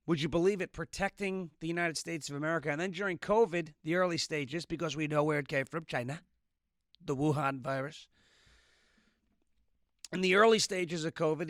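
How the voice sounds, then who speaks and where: A man in his thirties guest-hosts a political commentary show, laying on the sarcasm and snark. His voice is bright and forceful, pitched a little high. The sound is dry and close to the mic. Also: dry recording. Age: 30s. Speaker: guest host.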